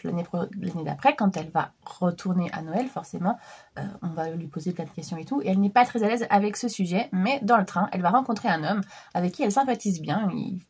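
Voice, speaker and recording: A woman's voice: fairly low pitch, dark tone, slightly rough. A woman in her thirties with a stuffed-up nose from a cold, chatting casually about books she has been reading, with lots of fillers. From France. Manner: chatty, many fillers and restarts. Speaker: book vlogger. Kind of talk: casual chat.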